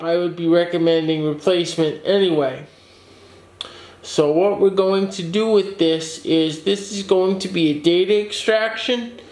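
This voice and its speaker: A fairly high-voiced man, speaking at a slow, even pace, shares a relaxed update about his computer shop. Every repair gets a plain explanation, with an occasional restarted sentence. He's indoors in a small, echoey office workshop with a desk, so his voice rings a bit.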